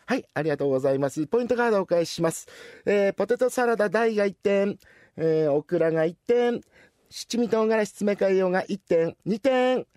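A man voicing a polite, brisk supermarket cashier in a rakugo comic story, speaking in formal shop phrases. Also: sits high, a little mellow, no echo, clean studio sound, pitched above the performer's own voice, close to an everyday voice.

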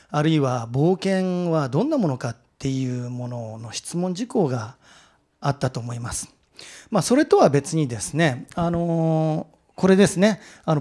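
A man's voice: on the high side, a little mellow. A man giving a talk to a live audience, telling an anecdote in a chatty way and polling the listeners by show of hands. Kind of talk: animated storytelling lecture.

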